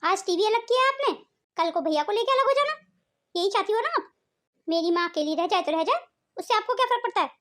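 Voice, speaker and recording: A woman's voice: very high-pitched, lively intonation, fairly quick. A woman voicing a hot-tempered married daughter in a cartoon family drama, accusing and bossy in her manner. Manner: accusing, sharp-tongued, bossy.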